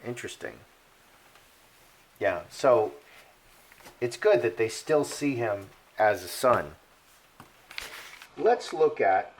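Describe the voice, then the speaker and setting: A man's voice: medium pitch, a bit bright, slight background noise. A man reading playing cards and commenting in a rambling, opinionated monologue, full of fillers and restarts. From Polish heritage. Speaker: card reader and commentator. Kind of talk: casual monologue.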